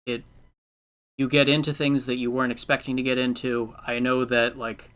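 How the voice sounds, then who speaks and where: A man's voice: medium pitch, little pitch movement, moderate pace, a bit bright. A man hosting a podcast, chatting casually in a rambling way, repeating words and laughing often. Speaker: podcast host. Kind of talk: casual chat.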